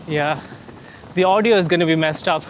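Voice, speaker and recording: Man, high voice, casual vlog chat, talking while running, outdoors, light wind noise. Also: moderate pace, lo-fi sound. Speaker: running vlogger. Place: outdoors on the move.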